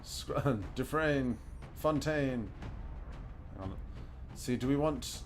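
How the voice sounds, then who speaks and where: Over faint background music, a man with a New Zealand accent gives casual play-by-play of his video game as a streamer, thinking aloud and chuckling often. He talks slowly at medium pitch, with lively intonation.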